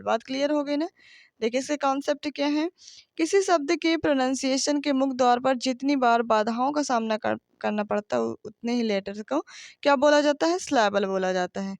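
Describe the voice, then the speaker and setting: Woman teacher, high voice, dry close sound, patient explainer who keeps asking rhetorical questions. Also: no room sound. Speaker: English grammar teacher. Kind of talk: classroom grammar lesson.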